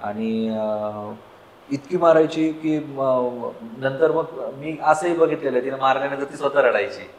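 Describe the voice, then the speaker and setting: A man's voice: medium pitch, measured pace, echoey room, slight background noise, rough recording. A man hosting a podcast, who talks in a frank, chatty way and tells personal stories while asking his guest questions. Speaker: podcast host. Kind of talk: casual conversational interview.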